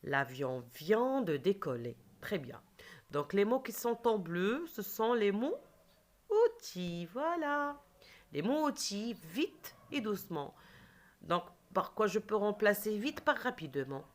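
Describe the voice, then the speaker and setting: A woman teacher leading a reading lesson for children, speaking slowly and clearly and stretching out words. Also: medium pitch. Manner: slow, clear, lively teacher voice, drawing out words.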